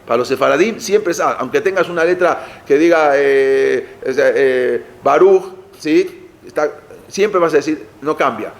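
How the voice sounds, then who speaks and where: Male lecturer, slightly raised pitch, chatty question-and-answer teaching style. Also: measured pace. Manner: conversational, asks the audience rhetorical questions, frequent "eh" and restarts. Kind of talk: explanatory lecture.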